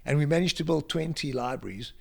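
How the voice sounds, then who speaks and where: Gravelly South African man, halting delivery. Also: a little high, expressive. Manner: halting, restarts phrases, bursts of emphasis. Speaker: guest, creative director. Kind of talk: casual interview chat. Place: library.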